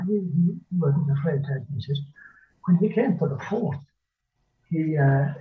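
An older man with a rural west of Ireland accent, telling folk tales as a lilting, rambling storyteller who repeats himself and pauses, over a video call. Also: on the high side. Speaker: folklorist and storyteller. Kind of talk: oral folk storytelling in casual speech. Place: small dim room at home, indoors. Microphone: computer mic on a video call. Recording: muffled, phone-like video call audio.

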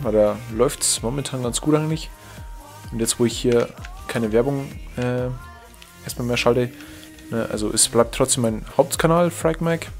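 With a medium pitch, this young gaming YouTuber from Germany talks loosely over his play, often backtracking to fix what he said and responding loudly to in-game moments.

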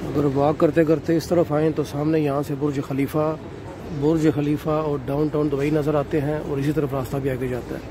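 A middle-aged Pakistani travel vlogger walks city streets at night, filming on a handheld phone and narrating a tour for viewers he calls "nazreen." He leisurely describes the sights in a fairly high voice that is flat and a little fast. Traffic noise fills the background.

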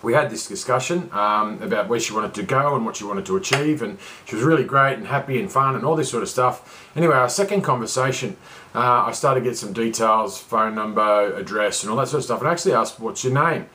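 A man's voice: medium pitch, a little fast, pushed and bright. A man talking casually to camera as a coach, rambling with many fillers and restarts. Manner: rambling, lots of uh and restarts, wanders off track.

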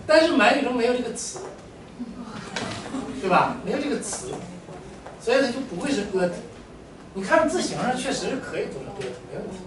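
High-voiced joking teacher. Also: male voice, brisk, pauses often. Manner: joking, animated teacher talking to students. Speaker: Manchu language teacher. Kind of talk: classroom lecture. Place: classroom. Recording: echoey room, mic far off, faint room noise.

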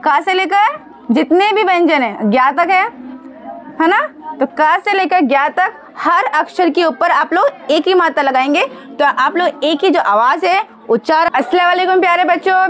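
A woman teaching a Hindi lesson to young children, patiently sounding out syllables slowly and asking the children questions. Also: sits high, a bit bright.

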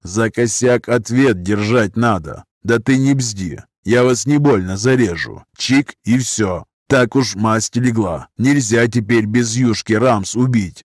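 A man voicing a huge scarred ex-convict who threatens slowly in criminal slang. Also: fairly low pitch, no echo, studio quality. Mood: menacing. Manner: slow, menacing, criminal slang. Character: scarred hulking ex-convict, menacing.

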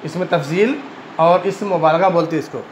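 A man teaching Arabic grammar in Hindi-Urdu with an Indian Urdu accent, a classroom lecture where he repeats each point and keeps checking in with "है ना", now and then clearing his throat. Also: fairly high pitch, a little fast. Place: madrasa classroom. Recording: echoey room, dull lo-fi sound, faint hiss.

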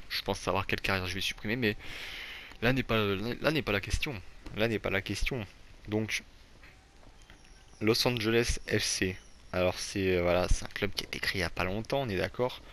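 A man's voice: lowish voice, sharp tone, a little hiss or hum. A young man giving casual, rambling commentary on a football manager game, full of fillers and restarts. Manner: self-deprecating about his English accent. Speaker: gaming YouTuber.

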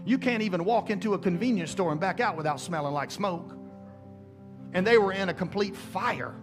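Emphatic middle-aged man preaching a sermon. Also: high-pitched. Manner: preaching with rising, emphatic calls and drawn-out scripture readings. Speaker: pastor. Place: large church stage. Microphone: headset mic. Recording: church sermon with music behind.

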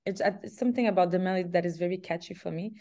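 A woman's voice: fairly low pitch, rapid-fire. Young woman singer on a video call. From Canada. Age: young adult. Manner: hesitant, restarts often, laughs softly. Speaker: singer interviewee. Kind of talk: casual video-call interview. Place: small room indoors. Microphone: laptop webcam on video call.

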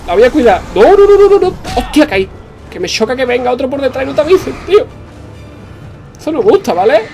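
Excitable gaming commentator, high voice. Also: male voice. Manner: excitable, swearing, joking to viewers. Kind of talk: let's play commentary.

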